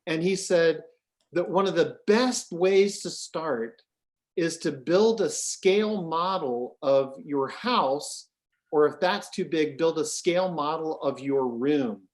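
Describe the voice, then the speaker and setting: A man's voice: fairly high pitch, takes it slowly. A man co-hosting a casual chat over a video call, rambling and hesitant with many fillers. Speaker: co-host.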